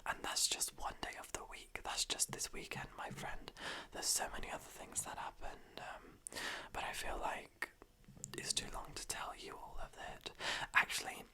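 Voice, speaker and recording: A man in a whispered role-play as a best friend, confiding gossip in a breathy, mostly unvoiced whisper. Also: normal speed, pushed and bright, poor audio. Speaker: ASMR performer playing a gossiping best friend.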